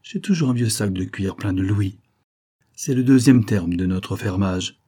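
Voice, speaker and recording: A man's voice: lowish voice, expressive, a little slow, warm tone, husky. A man doing a sly old farmer. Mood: knowing, insistent. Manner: knowing, folksy, insistent. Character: sly, shrewd, good-natured old Norman farmer.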